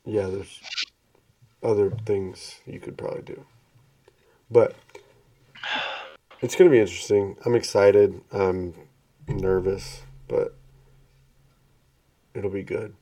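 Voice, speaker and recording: A man with a low, mellow voice talks candidly in a laid-back casual chat. He sits a little back from the mic in a dry space. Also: flat delivery, slow, pauses often, dry recording, far from the mic.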